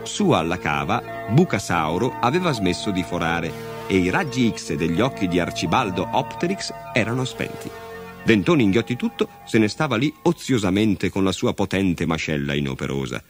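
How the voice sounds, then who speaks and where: Lively low-voiced male storyteller. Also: normal speed. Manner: expressive, dramatic reading. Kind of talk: storybook narration. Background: music.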